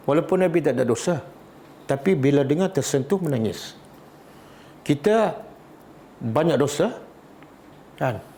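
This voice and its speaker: A Malaysian Malay-accented religious teacher runs a Quran study session, quizzing the audience and repeating important words. His medium-pitched voice has a slightly mellow quality.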